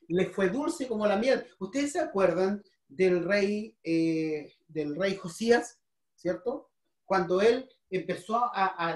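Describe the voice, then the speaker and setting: A woman with a Chilean accent teaching a Bible lesson, asking the congregation questions and often repeating her words. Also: medium pitch. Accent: Chilean Spanish. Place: church hall. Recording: roomy, from a distance.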